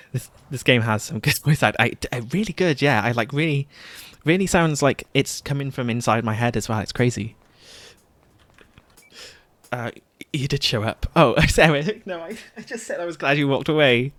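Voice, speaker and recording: A man's voice: mid-range voice, animated, moderate pace, fairly bright tone, dry recording. A man streaming a game, chatting casually, laughing often and reading game text aloud. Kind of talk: casual gaming commentary.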